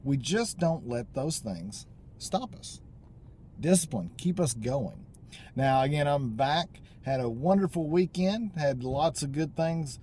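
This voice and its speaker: A man's voice: fairly high pitch, lively intonation, slow, warm tone, slight background noise. A man in his forties giving a motivational talk to a camera inside a car, upbeat and full of fillers. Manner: upbeat, pep-talk delivery with frequent fillers. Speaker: vlogger. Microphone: camera mounted on the dashboard.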